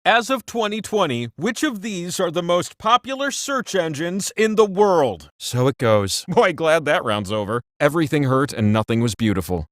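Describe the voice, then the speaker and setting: Sarcastic showy trivia wheel game host, high voice, very swoopy delivery, dry close sound. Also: male voice, big pitch swings, moderate pace, few pauses, fairly bright tone, no room sound. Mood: wry, mock-grand. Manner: playfully sarcastic, theatrical, mock-grand. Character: giant talking trivia wheel, cheeky, vain, theatrical game host. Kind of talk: comedic game show hosting.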